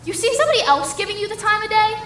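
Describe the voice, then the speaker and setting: A young woman on a school stage playing an ambitious young reporter who talks briskly and persuasively. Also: very high-pitched, expressive, fairly bright tone. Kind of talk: school stage musical acting. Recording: echoey hall, faint noise.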